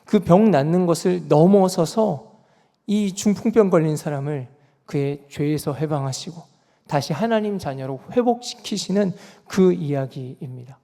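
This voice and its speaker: A man's voice: on the high side, warm tone. A male pastor giving an earnest dawn prayer sermon, voice rising for emphasis. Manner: earnest preaching with emphatic rises. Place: church sanctuary. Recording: reverberant church sanctuary.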